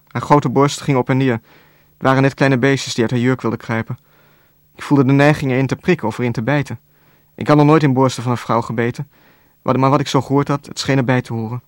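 A man reading a novel aloud as narrator, in a calm, even storytelling voice with a dry wit. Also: medium pitch, dry recording. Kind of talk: scripted audiobook narration.

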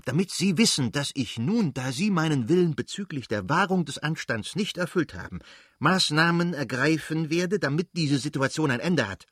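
A man reading an audiobook and voicing a cold, furious middle-aged husband with a squeaky voice who talks in a stern, contemptuous way. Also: expressive, a little fast, slightly rough, dry recording, studio quality.

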